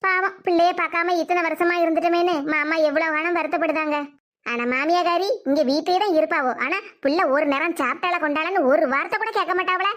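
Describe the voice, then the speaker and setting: A woman's voice: very high-pitched, fairly even intonation, fast, a bit bright, pitched below the performer's own voice. Woman putting on a village mum, grumbling, matter-of-fact, Kanyakumari Tamil accent, cartoon. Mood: plain. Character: village mother, plain-spoken woman.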